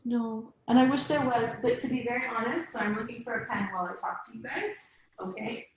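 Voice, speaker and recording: A woman's voice: fairly high pitch, brisk, a little hiss or hum. A woman leading a staff training session, chatty and explanatory, who keeps checking in with her listeners as she goes. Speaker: staff trainer for child therapy. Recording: roomy echo with faint music.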